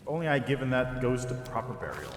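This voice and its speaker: A man's voice: medium pitch, big pitch swings, fast talker, a little hiss or hum. A man streaming a game, muttering and reading options aloud, with a voice changer that puts his voice in a cathedral-like reverb. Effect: voice changer set to cathedral reverb. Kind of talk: casual gameplay commentary. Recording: roomy long hall echo from voice changer.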